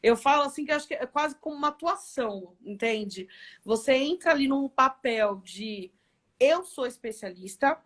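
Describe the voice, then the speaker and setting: A woman executive as a guest in a live interview, telling stories in a lively way with frequent tag questions. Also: sits high, moderate pace. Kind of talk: casual live interview chat.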